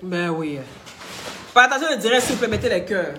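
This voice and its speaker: A woman with a head cold, ranting loudly on a live stream, teasing and scolding. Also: mid-range voice, lively intonation, normal speed, echoey room, slight background noise. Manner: talks loudly, teasing and scolding, often laughing. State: head cold, blocked ears. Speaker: live streamer and gossip commentator. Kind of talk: casual live-stream rant.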